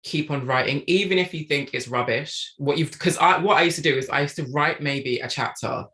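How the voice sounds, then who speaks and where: A woman's voice: low voice, a little fast, a bit bright. A middle-aged woman, an author chatting reflectively as a guest on a live stream.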